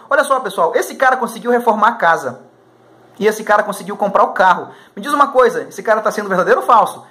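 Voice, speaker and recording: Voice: medium pitch, a bit bright. A teacher from runs a recorded exam-prep lesson. The delivery is casual and slangy, with constant check-ins to keep the students following along. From Macapá, Brazil.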